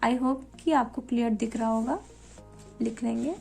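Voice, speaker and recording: A young woman with a high voice and a gravelly edge explains a lesson plan step by step, speaking straight to her viewers. She slows right down to read quoted English lines carefully, and faint music sits behind her. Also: fairly even intonation, darkish tone. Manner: explanatory, addresses viewers directly; reads quoted English lines slowly and deliberately. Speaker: teacher-training student explaining a lesson plan. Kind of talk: spoken tutorial walkthrough.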